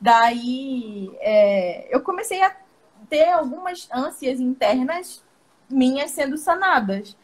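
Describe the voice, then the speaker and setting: A woman being interviewed on a video call shares her story in a chatty, casual way, laughing frequently. Her high voice is expressive, and she takes her time.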